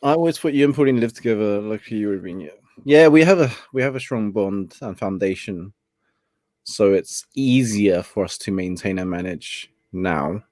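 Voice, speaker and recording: A young man hosts a casual late-night chat, speaking in a low voice with lively, swinging intonation. He is laid-back and laughs often, and the sound is dry and close. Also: moderate pace, no echo. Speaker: host.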